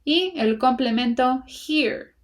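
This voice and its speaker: A woman with a fairly high voice leads a beginner's grammar class, taking her time over every point. She breaks each sentence down piece by piece and says the English examples slowly and carefully. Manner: patient step-by-step explaining. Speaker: English teacher. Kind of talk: Spanish-language English grammar lesson.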